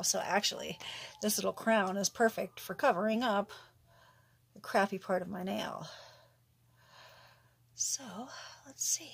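A woman's voice: medium pitch, gravelly, husky. A middle-aged woman chatting casually through a nail art tutorial at home, talking to herself as she works and often dropping into a whisper. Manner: chatty, talks to herself while working, drops into whispers.

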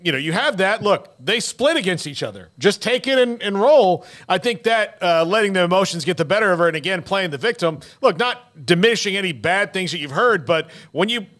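A middle-aged man co-hosting a sports talk show in a studio, animated, with many fillers. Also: high voice, brisk, hardly any pauses. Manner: animated, uses lots of "like" and acted quotes. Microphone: studio mic with headphones.

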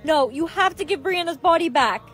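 A woman's voice: very high-pitched, lively intonation, a little fast, a bit bright, soft background music. A woman playing several supporting parts in a storytime skit, in a plain conversational way. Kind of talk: acted skit dialogue.

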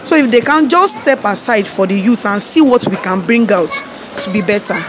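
A woman's voice: medium pitch, expressive, normal speed. A young woman with a Nigerian accent answering a street interview, hesitant and searching for words with many fillers. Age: young adult. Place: outdoors by a painted wall. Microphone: phone held close by interviewer. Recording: street noise behind.

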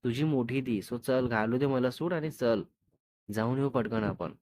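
A man's voice: mid-range voice, unhurried, darkish tone, slight background noise, close to an everyday voice. A man reading the lines of a sulky, teasing young woman in a storybook tale, in a pleading, complaining way.

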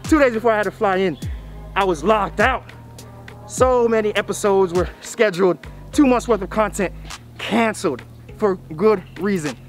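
A man's voice: high-pitched, normal speed, soft background music. A man in his thirties hosting a vlog to camera through a face mask, emphatic and repeating phrases for effect. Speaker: video series host. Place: outdoors on a tree-lined roadside.

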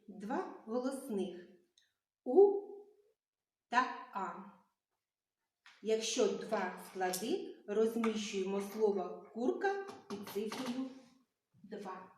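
A woman teaching young children, asking questions and praising them in a slow, sing-song teacherly way. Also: fairly high pitch, animated, mellow. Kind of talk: children's literacy lesson. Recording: very echoey room.

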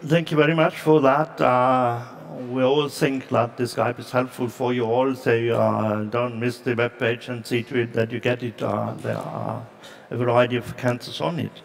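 An older man chairing a conference panel on stage, speaking haltingly with many fillers into a headset mic. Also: mid-range voice, level tone, gravelly, slight background noise. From Germany. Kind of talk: moderating a panel discussion.

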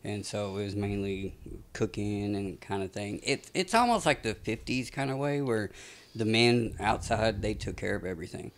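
Recorded on a boom-mounted studio mic in a small indoor podcast studio, this late-thirties Texan chats casually as a guest, wandering through stories and leaning on fillers. His somewhat low voice is creaky, moving at a moderate pace with few pauses.

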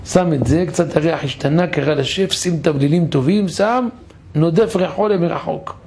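A man, a rabbi, giving a sermon in a synagogue and telling a parable with animated delivery. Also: fairly high pitch. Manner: animated storyteller, gravelly. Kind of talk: sermon with storytelling.

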